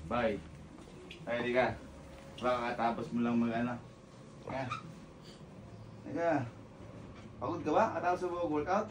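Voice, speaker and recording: A man's voice: medium pitch, steady tone, measured pace, pauses often, background noise. A man hosting a prank challenge with casual, goading banter, often repeating his phrases. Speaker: host of a challenge video. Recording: loud music, voice far from mic.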